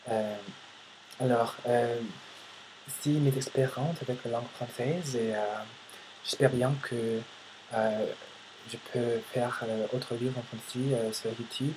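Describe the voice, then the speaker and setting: An American man speaks with an American accent, pausing often to search for words in a halting, unscripted monologue. His voice stays flat and level throughout, with little rise or fall. The home computer-mic recording has clear background noise under it. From United States. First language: English. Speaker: language learner vlogger. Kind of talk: casual spoken practice monologue. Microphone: computer microphone. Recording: noisy low-quality home recording.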